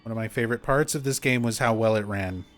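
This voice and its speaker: A man's voice: fairly low pitch, fast, fairly bright tone, soft background music. A man giving casual playthrough commentary as a game streamer. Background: faint game ambience.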